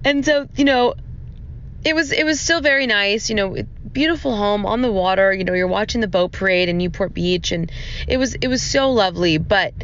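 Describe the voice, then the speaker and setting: A woman's voice: medium pitch, normal speed, a bit bright. Woman on a lo-fi phone voice memo. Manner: rambling, chatty, many fillers. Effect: recorded on a phone voice recorder. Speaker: podcast host. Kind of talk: casual chat. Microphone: phone voice recorder app. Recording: dull lo-fi phone voice memo with faint noise.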